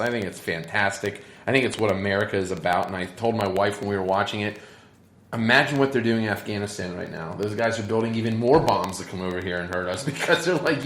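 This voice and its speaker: A man in his thirties co-hosting a casual podcast chat, bantering in an animated, self-mocking way. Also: on the low side, reverberant, a little hiss or hum. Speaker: podcast co-host.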